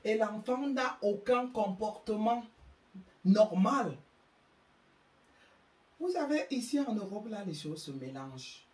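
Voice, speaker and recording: A woman's voice: medium pitch, expressive, a little slow. A woman from Africa lecturing parents in an emphatic, reproachful way, tripping over and repeating words as she hunts for the right one. She sits well back from the microphone, and her voice rings around an echoey room. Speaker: speaker on parenting. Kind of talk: public talk to parents. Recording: echoey room, distant mic.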